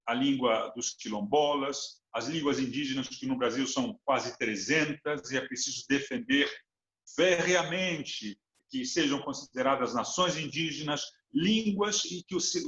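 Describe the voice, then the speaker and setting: A man's voice: medium pitch, a bit bright. A man from Brazil speaks with a Brazilian Portuguese accent as an interview guest. His talk is earnest and reflective, and he builds his points with examples. The recording sounds roomy and a little dull.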